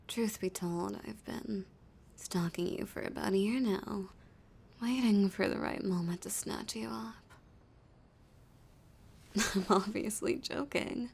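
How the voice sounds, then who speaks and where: In an intimate audio roleplay, a woman plays a flirty, dominant villain who teases and menaces a hostage, her breathy, husky voice slipping into whispers. The mid-range, slightly mellow delivery is heavily acted, mocking and amused.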